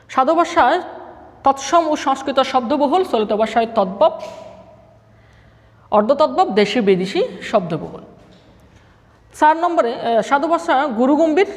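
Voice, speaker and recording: A male school teacher gives a classroom lecture, reading out word lists item by item and answering his own questions. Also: very high-pitched. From Chittagong, Bangladesh. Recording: long reverb of a hard room.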